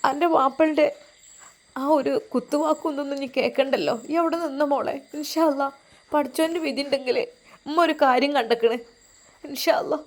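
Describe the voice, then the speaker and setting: A woman's voice: high voice, fairly even intonation, normal speed, natural voice. A woman voicing a tearful, protective mother who pleads and soothes. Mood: soothing.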